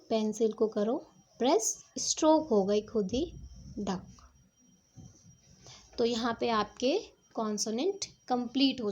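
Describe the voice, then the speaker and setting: This is a classroom lesson on shorthand strokes, explained step by step by a woman whose voice is on the high side with a darkish tone. Patiently, she checks comprehension by repeating "ठीक है."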